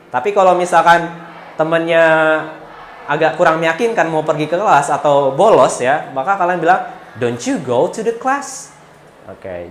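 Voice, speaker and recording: A man with an Indonesian accent teaching English grammar, saying example sentences slowly and with expression. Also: on the high side, slight background noise. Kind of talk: grammar lesson explaining to students. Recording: echoey room with faint ambience.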